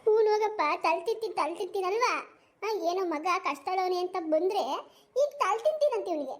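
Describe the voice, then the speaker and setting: A woman voicing a proud, quarrelsome old village grandmother who complains and laments melodramatically in an animated cartoon. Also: extremely high pitch, fairly quick. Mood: sulky.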